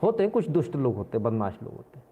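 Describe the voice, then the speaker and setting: A man's voice: mid-range voice, sing-song, racing, husky. A man hosting a live stream, giving combative, mocking political commentary. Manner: combative and mocking, slips into acted voices. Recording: tinny phone-like sound.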